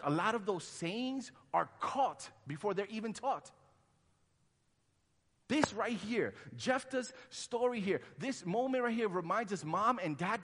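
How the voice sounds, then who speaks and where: A high-pitched, fairly bright male voice belongs to a pastor in his thirties from Honduras. He preaches a sermon in a conversational way, acting out the quotes he tells, and a long hall reverb colors the sound.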